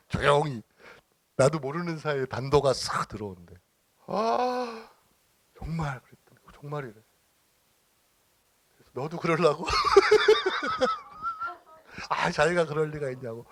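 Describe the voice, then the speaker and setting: In a dry recording, a middle-aged lecturer and church minister with a medium-pitched, fairly bright voice gives an informal lecture. He tells chatty anecdotes, acts out the dialogue, and laughs often.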